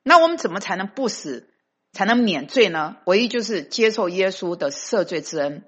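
A woman's voice: mid-range voice, big pitch swings, normal speed, fairly bright tone, slightly rough. A woman preaching a sermon with emphasis, dropping English phrases into her talk. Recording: dull lo-fi recording.

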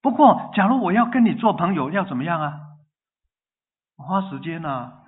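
A man preaching a sermon in a lively way, asking the congregation questions and repeating phrases in rhythm. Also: fairly high pitch, normal speed. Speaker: pastor. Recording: tinny phone-like line.

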